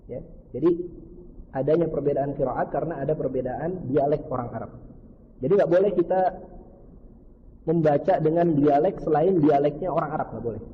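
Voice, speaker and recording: A man's voice: a little high, long reverb tail, phone-quality sound. A man teaching a Quran study class in a mosque, explaining patiently and repeating key words. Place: mosque hall.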